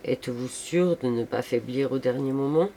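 A man voicing a thoughtful, caring male friend who speaks calmly and earnestly in an audiobook reading. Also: mid-range voice, normal speed, slight background noise, close to an everyday voice. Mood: pensive.

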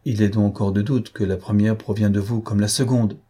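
A man voicing a calm, self-assured gentleman detective who reasons firmly. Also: fairly low pitch, normal speed, husky. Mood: firm reasoning.

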